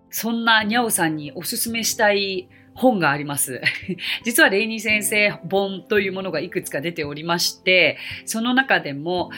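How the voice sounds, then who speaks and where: A woman hosting a podcast as an English teacher, answering listener mail in a polite, chatty way and repeating English phrases slowly for practice. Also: on the low side, sharp tone.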